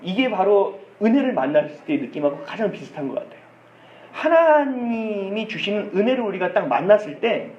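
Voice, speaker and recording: 한국인 남자 목사가 가족 이야기와 흉내를 섞어 설교하는 목소리, 울림이 큰 교회 녹음. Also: male voice, high voice. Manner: storytelling with acted quotes and soft laughs. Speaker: pastor. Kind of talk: sermon. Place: church sanctuary. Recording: dull echoey church sound with faint hiss.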